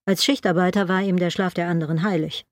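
A woman's voice: fairly low pitch, fairly even intonation, fast, slight background noise. A woman narrating a drama in a scripted, intense way, often addressing the listener directly and asking rhetorical questions. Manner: intense, second-person, rhetorical.

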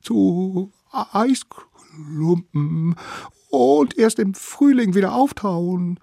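A man playing a band of squeaky wild children. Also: slow pace, breathy edge, dry recording, clean studio sound, exaggerated voice. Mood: shivering. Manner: excited, chattering, stammering from cold. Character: band of small wild Stone Age children.

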